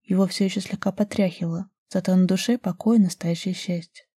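A woman reads a novel aloud in an even, steady storytelling way. Her voice is very dark and mellow with a husky grain. The sound is close and dry, with no room echo. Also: fairly low pitch, quick pace. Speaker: audiobook narrator. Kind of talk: scripted narration.

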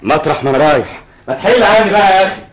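A man's voice: on the low side, big pitch swings, quick pace, slight background noise. An actor with an Egyptian accent playing a nervous, evasive brother who snaps at his sister in a radio drama. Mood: tense. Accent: Egyptian Arabic. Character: tense jealous young brother, evasive and edgy.

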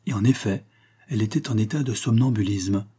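A man narrating a novel in a measured, dramatic way. His voice is low and dark, with a very husky, breathy texture. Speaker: audiobook reader. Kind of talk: scripted literary narration.

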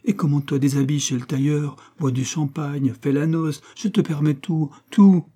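A man's voice: on the high side, little pitch movement, normal speed, mellow, breathy edge, pitched above the performer's own voice. Brief: man doing a desperate lovestruck woman, pleading and tearful, raised voice, audiobook. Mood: adoring. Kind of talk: audiobook reading.

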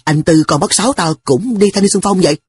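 A man's voice: sits high, fast talker, husky, no room sound, pitched above the performer's own voice. A man voicing an earnest, hot-tempered schoolboy who talks in a pushy, exasperated way. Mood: scolding.

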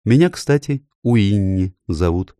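A man voicing a gentle, timid female talking horse who speaks softly and meekly. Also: lowish voice, lively intonation, takes it slowly, dry recording, clean studio sound.

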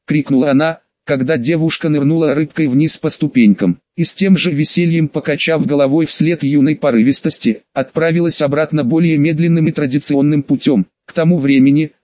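A man's voice: fairly high pitch, fairly even intonation, fairly quick, few pauses, no echo, lo-fi sound. Russian man reading an audiobook. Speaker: audiobook narrator. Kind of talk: scripted narration.

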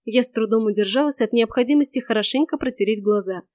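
A woman reading a first-person fantasy audiobook in a lively, wry, expressive way. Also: fairly high pitch, fast talker, no echo, clean studio sound. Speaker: audiobook narrator.

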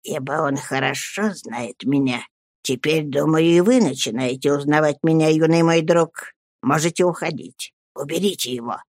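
A reader voicing a fat, cruel schoolmaster who can only speak in a strained, menacing whisper, in an audiobook reading. The lines come slow and pressed. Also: mid-range voice, expressive, creaky, no room sound, clean studio sound, exaggerated voice.

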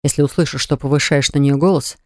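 A woman narrator voicing a wary grown man who speaks calmly and conciliatingly. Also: low-pitched, fast, no room sound, studio quality, natural voice. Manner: squinting, conciliatory.

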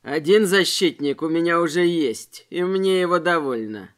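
A woman's voice: on the low side, moderate pace, pitched below the performer's own voice, close to an everyday voice. A woman voicing a curt, menacing male robber who hisses his words. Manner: hissing, curt.

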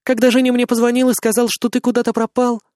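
A gentle young woman, tired and lonely, who speaks softly and pleads with those around her, put on by a man reading. Her voice is raised high above the reader's own register. The sound is dry and close. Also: little pitch movement, fast, no room sound. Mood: anxious pleading. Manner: pleading, soft and weary.

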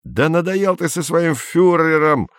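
A young Soviet scientist pushes his point loudly and insistently, voiced by a man reading the story. His voice sits above the reader's own. The recording is dry and close. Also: a little high, expressive, unhurried, no room sound, voice pushed up. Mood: heated. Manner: shouting, heated and insistent.

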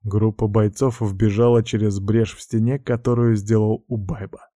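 A man narrating fantasy fiction as an audiobook in a steady, even storytelling voice. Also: lowish voice, moderate pace, dry recording, studio quality. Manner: steady, even storytelling with dramatic sound words.

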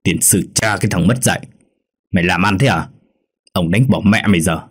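A man's voice: on the low side, normal speed, darkish tone, breathy edge. A man doing a snarling greedy old landlord. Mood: angry. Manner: snarling, harsh.

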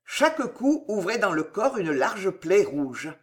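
Slow, expressive audiobook narrator. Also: mid-range voice. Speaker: audiobook reader. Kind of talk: dramatic novel narration.

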